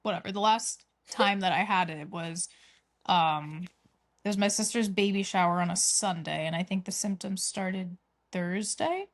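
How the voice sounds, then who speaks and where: A young woman hosts a podcast in casual chat. She rambles, restarts her sentences and laughs often, and her voice sits at a middling pitch. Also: normal speed. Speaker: podcast host.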